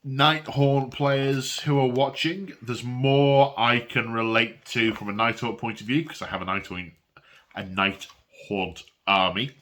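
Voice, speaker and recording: A man's voice: mid-range voice, steady tone, a little slow, fairly bright tone. A man hosting a casual hobby unboxing vlog while he has a cold and coughs. He rambles and restarts with self-deprecating asides, recorded on a phone. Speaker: miniature wargaming hobby channel host. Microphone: phone camera.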